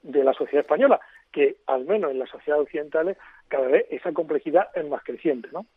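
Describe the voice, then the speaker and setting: A man's voice: a little high, fast, husky. A man as a radio guest, explaining at length in an expansive, lecturing way over a phone line.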